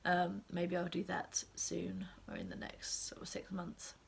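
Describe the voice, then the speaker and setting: A young woman with an English accent, sick with a cold, chatting casually to camera with many ums and soft half-whispered asides. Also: lowish voice, sing-song, unhurried, vocal fry. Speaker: assistant language teacher and vlogger.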